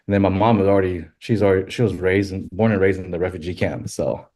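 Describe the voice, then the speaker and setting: This podcast guest is a Western filmmaker from Thailand whose voice is deep, low and mellow. He keeps stopping and starting, leaning on fillers as the easygoing interview goes on.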